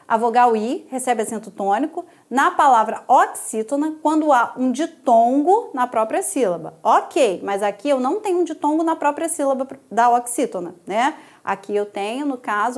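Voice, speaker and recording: A high-voiced Brazilian woman with a Brazilian Portuguese accent leads a grammar lesson for exam candidates. She's expressive and moderately paced, explaining each step patiently and checking in with students through frequent tag questions.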